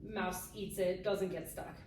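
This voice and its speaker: A woman co-hosting a casual podcast, telling an animated story, acting out quotes and laughing often. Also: medium pitch, a little slow. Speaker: podcast co-host. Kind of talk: casual chat. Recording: roomy, distant mic, faint hiss.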